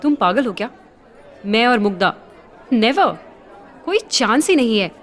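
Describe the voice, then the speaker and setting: A woman voicing a cocky young college man who speaks in a low, smooth, unhurried way. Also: expressive, some chatter behind. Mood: cool smug.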